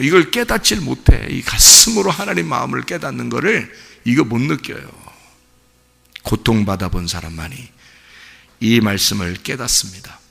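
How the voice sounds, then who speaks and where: A male pastor preaching an impassioned sermon at a dawn church service, swinging between hushed asides and emotional outbursts. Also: lowish voice, vocal fry. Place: church sanctuary. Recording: reverberant church hall.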